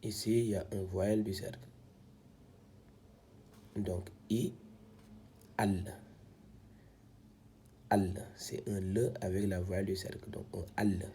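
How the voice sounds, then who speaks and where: Low slow guy walking thru letter sounds one by one, patient teacher, bit of faint hiss behind. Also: flat delivery, dark tone. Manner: patient, repeats syllables one by one, frequent "donc". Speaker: Quran reading teacher. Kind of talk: slow step-by-step lesson, sounding out syllables.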